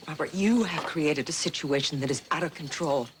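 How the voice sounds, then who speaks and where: A woman's voice: deep voice, fairly quick. Stern pioneer mother, worn tape. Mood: urgent. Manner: firm, formal pleading. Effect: worn tape copy. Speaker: frontier mother. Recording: hissy worn VHS tape copy.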